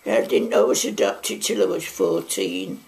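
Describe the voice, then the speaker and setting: An elderly Mancunian woman in her nineties, recorded at home on a lapel mic as she recounts her past. Her voice is gravelly and swings widely in pitch. She talks in a chatty, wandering way full of side remarks. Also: big pitch swings, normal speed, a little mellow. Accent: Mancunian English. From Manchester, England. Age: 90s. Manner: chatty, rambling reminiscence with frequent asides. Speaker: interviewee. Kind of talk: oral history recollection. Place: living room at home.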